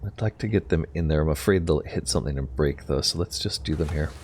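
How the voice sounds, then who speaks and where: Deep-voiced man thinking aloud over a game. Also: fast, background noise. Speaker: gamer narrating own play. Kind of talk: casual gameplay commentary.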